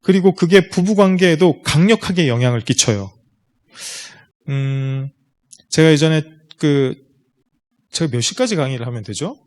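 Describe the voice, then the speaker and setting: A man's voice: a little high, animated, moderate pace, long pauses, a little mellow. A man giving a seminar lecture to parents, explaining step by step and putting rhetorical questions straight to the audience. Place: lecture room at a school.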